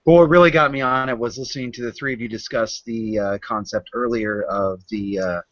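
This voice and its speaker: A man's voice: medium pitch, fairly even intonation, fairly quick, fairly bright tone. A man joining a casual podcast as a guest, chatty and self-assured, on a dull lo-fi recording.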